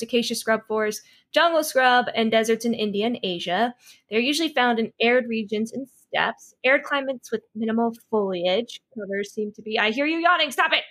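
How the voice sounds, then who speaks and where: Woman podcast host, fairly high voice, reads facts, teasing, casual. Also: a bit bright. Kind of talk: reading animal facts and chatting.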